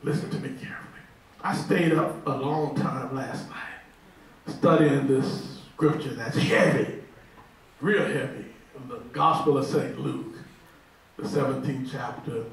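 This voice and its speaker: A man preaching a sermon in a church sanctuary, speaking into a handheld mic with impassioned, drawn-out calls to the congregation. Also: medium pitch. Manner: impassioned call-and-response preaching, shouting in sustained whoops. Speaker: pastor. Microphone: handheld microphone. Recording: very echoey church from far off, with congregation and organ.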